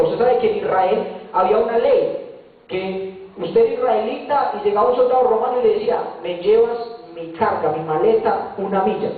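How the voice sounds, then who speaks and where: A man preaching a sermon as pastor, telling stories, acting out dialogues and asking the congregation rhetorical questions. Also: high voice. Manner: acts out dialogues in different voices. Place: church hall. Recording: echoey hall, distant mic, thin phone-like sound.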